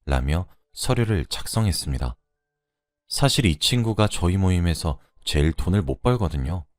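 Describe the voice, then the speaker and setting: A man reading a first-person story aloud in a conversational, lively way. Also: deep voice, moderate pace, no echo, clean studio sound, soft background music.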